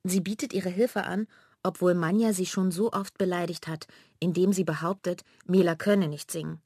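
A woman narrating a children's audiobook in a clear storytelling manner. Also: lowish voice, steady tone, normal speed, warm tone, dry recording, clean studio sound.

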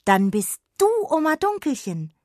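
A woman's voice: fairly high pitch, big pitch swings, a little slow, dry recording, studio quality, pitched above the performer's own voice. A woman voicing a shy, curious little girl in a children's audio story, speaking hesitantly with a raised, small voice. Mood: timid. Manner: hesitant, whispery when scared.

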